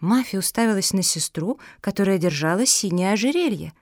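A woman narrating a children's storybook in an even, clear storytelling manner. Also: mid-range voice, fairly quick, no echo. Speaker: audiobook narrator. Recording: dry close studio sound.

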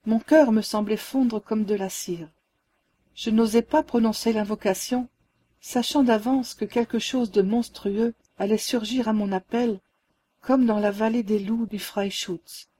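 A woman reading a ghost story aloud as a calm, measured narrator. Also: fairly high pitch, slightly rough. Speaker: audiobook reader. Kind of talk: scripted narration.

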